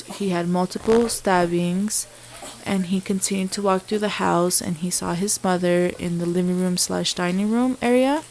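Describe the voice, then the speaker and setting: Lowish-voiced woman telling a true-crime story. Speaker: vlogger and host. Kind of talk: casual true-crime storytelling while cooking. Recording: sizzling food, clear background noise.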